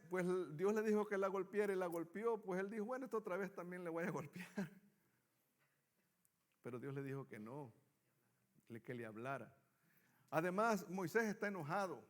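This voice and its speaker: High-voiced man teaching a Bible class. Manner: reads scripture aloud then asks the class questions. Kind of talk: Bible study lesson.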